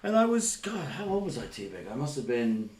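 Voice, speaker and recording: A Greek-born stream host spins a rambling, jokey tall tale during a comedic live stream. His mid-range voice is sing-song and a little mellow at a moderate pace, with roomy echo in the recording.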